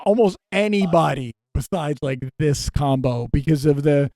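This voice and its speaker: Rambling man, slightly high voice. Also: animated, moderate pace, mellow, dry recording. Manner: rambling, hesitant, many fillers. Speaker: podcast co-host. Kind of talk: casual chat.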